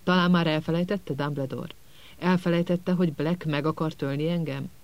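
A man's voice: fairly high pitch, steady tone, lo-fi sound, close to an everyday voice. A man voicing a cold, contemptuous male teacher who hisses and sneers in an audiobook. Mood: seething. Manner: hissing, contemptuous.

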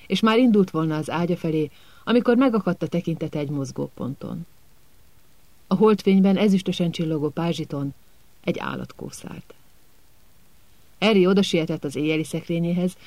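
A man narrating an audiobook in a calm, measured storytelling manner. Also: a little high, no room sound.

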